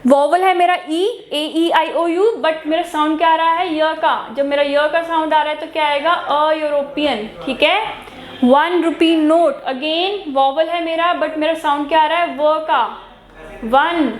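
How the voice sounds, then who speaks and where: A woman teaching an exam-prep grammar lesson, asking her students questions and answering them herself, switching between Hindi and English phrases. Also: high voice. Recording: echoey room with faint noise.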